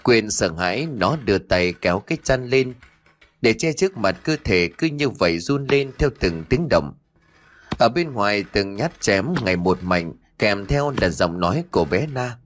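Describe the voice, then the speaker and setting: A man narrating a horror story as a storyteller, reading in a steady, measured way. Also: lowish voice. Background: faint music.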